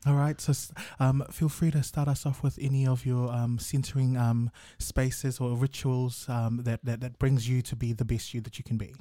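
A man's voice: mid-range voice, flat delivery, normal speed, hardly any pauses, no room sound. A man hosting a podcast, welcoming and hesitant with many ums. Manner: warm welcoming, many fillers. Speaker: podcast host.

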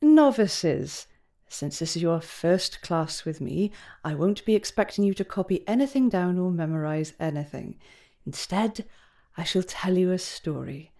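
A woman voicing a calm female principal teacher who tells an old legend in a measured, gentle cadence. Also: fairly low pitch. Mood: kindly. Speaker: teacher figure in an audiobook. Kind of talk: audiobook character reading.

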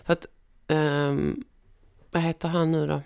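A middle-aged Swedish woman with a broad Scanian accent talks as a guest, her voice sitting a little low. She tells her stories in a lively, animated way. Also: creaky, clear, resonant tone. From Skåne, Sweden. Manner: lively storyteller, mimics voices in anecdotes. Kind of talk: casual chat.

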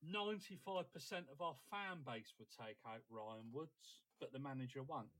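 A man's voice: medium pitch, normal speed, fairly bright tone. Male podcast panellist, middle register, emphatic informal football talk. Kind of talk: casual football debate.

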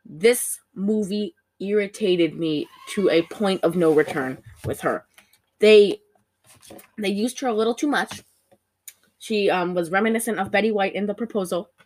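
A woman co-hosting a podcast in casual chat. She reviews a movie in an animated, gossipy way and leans on fillers as she goes. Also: medium pitch, moderate pace. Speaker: podcast co-host.

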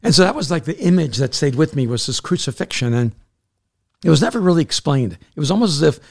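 His fairly high voice swings widely in pitch, sounds creaky, and moves fast. He is a middle-aged Salvadoran pastor and author guesting on a podcast, storytelling in an earnest way and often beginning again, in a thoughtful, informal conversation.

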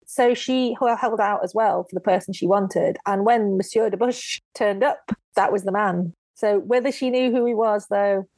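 Woman guest, lively storyteller, close dry mic. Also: medium pitch, normal speed, hardly any pauses, no echo. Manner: lively storyteller who acts out quotes. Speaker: guest author and historian. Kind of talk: casual podcast interview.

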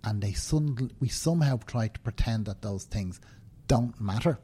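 A mellow, medium-pitched male voice at normal speed, with a little hiss or hum in the background. He's a Dublin man in his fifties, a banking professional appearing as an interview guest, talking earnestly and emphatically and often checking in with "right?". The conversational interview takes place indoors, seated.

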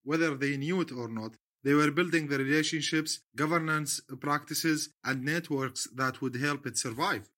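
Bright, deliberate man from Iraq. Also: fairly high pitch. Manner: deliberate, emphatic, speaks in short phrases. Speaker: interviewee, witness. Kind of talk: measured testimony.

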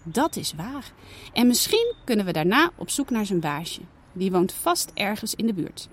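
A woman voicing Janna, a soft-hearted, excitable little girl in a read-aloud storybook, speaking in an excited, pleading way. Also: medium pitch, moderate pace, slightly rough.

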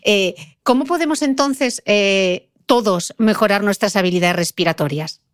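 A woman's voice: mid-range voice, moderate pace, no room sound, studio quality. A woman hosting a podcast interview, asking curious questions. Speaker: interviewer host.

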